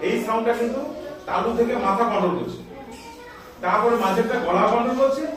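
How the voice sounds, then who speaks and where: A man's voice: sits high, very echoey, recorded from a distance, noisy background. A man teaching schoolchildren a music lesson, explaining step by step, calling out scale notes and scolding the chatty ones. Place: school classroom.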